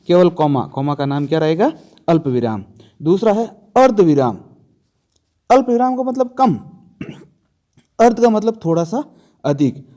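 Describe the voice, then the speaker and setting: This man has a highish voice with a dark tone. His exam-focused grammar lesson features questions to the students that he answers himself, with key terms stressed and repeated.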